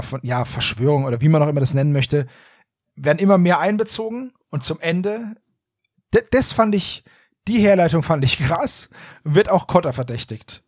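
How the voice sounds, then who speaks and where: Ein Mann, der in einem lockeren Podcast-Gespräch lebhaft über ein Hörspiel plaudert und dabei oft lacht. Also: male voice, on the high side, no room sound, studio quality. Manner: animated, laughs often, quick asides. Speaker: podcast co-host. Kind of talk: casual podcast chat reviewing an audio drama.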